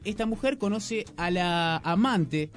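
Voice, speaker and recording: An Argentine man reviewing new films on a radio show, relaxed and full of hesitant fillers. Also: high-pitched, slow pace. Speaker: film critic on a radio show.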